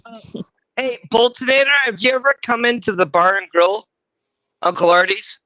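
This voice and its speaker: A woman's voice: on the high side, moderate pace, bright, forceful tone, dry recording, dull audio. A middle-aged woman hosting a livestream, rambling and crude, mocking herself as she chats. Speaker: livestream host. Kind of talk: casual livestream chat.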